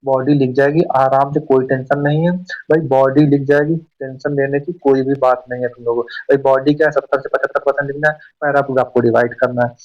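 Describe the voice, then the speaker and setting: A man teaching an exam-prep lesson in a fast, chatty way, often asking and answering his own questions. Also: mid-range voice. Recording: dull, slightly distant mic.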